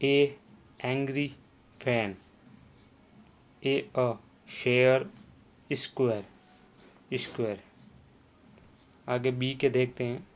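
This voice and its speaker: Patient male teacher, unhurried delivery, medium voice, drills letters by repetition. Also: mid-range voice, little pitch movement. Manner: slow, repeats sounds and quizzes the viewer. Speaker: English teacher. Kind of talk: spoken language lesson.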